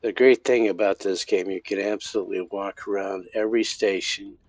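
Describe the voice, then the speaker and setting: A low-voiced man gives relaxed, thinking-aloud commentary while streaming a space game. His voice has a gravelly fry, and the sound is dry and close with no room. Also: fairly quick, no echo. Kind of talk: casual gameplay commentary.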